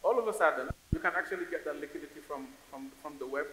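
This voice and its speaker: A man's voice: a little high, fast talker, bright, forceful tone. A Senegalese man in his forties, an investor on a conference panel, speaking thoughtfully and often repeating words as he searches for the next phrase. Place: large conference hall stage. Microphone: stage microphone on a stand. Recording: roomy hall reverb with faint hiss.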